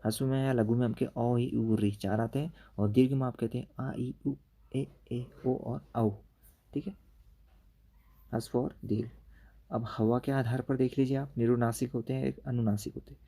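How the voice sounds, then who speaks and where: A man teaching an exam-prep grammar lesson. His voice is deeply dark and mellow, and his pitch sits in an ordinary middle range. He walks through each point patiently and keeps checking in with the class as he goes. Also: steady tone, normal speed. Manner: explains step by step, tag questions like "ठीक है" after each point.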